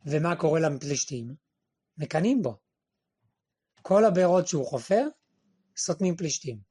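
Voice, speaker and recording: A man giving a Torah class, who asks questions and answers them himself, and quotes verses and what figures say in a lower, quieter voice. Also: lively intonation, husky. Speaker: Torah teacher.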